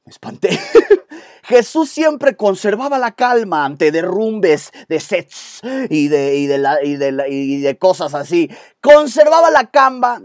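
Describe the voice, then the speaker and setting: A man with a Mexican Spanish accent preaching a sermon with intensity, breaking off for quick asides to his congregation. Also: fairly high pitch, no echo, clean studio sound. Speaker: pastor. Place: church set with stage lights.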